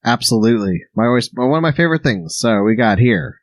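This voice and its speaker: A man's voice: mid-range voice, animated, fast, no room sound. An easygoing man co-hosting a casual sauce-tasting podcast, agreeable and reading out the ingredient list. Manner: easygoing, agreeable, reads lists aloud. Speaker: podcast co-host.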